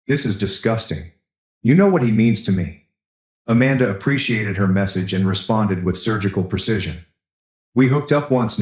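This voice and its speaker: A man reading a first-person story aloud in a calm, even scripted narration. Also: on the low side, echoey room.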